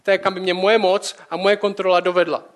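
Young guy with a high voice doing a chill sermon, keeps asking the listener questions. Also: flat delivery. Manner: conversational, direct address with rhetorical questions. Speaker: preacher.

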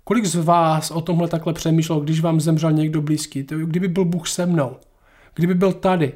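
A man's voice: on the high side, fairly even intonation, darkish tone. A man hosting a listener Q&A, reading scripture and explaining it in an earnest, teaching way. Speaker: host answering listener questions.

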